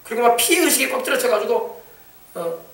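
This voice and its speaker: A man pastor with a very high-pitched, creaky, somewhat bright voice and big pitch swings preaches fairly quickly in a church sanctuary. He repeats words emphatically and calls out hallelujah, recorded from afar in an echoey hall.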